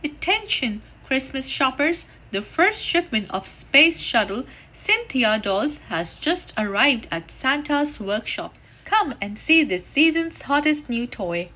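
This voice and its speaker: Booming store announcer for a storybook, read by a woman; loud, formal. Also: sing-song, takes it slowly, exaggerated voice. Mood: announcing.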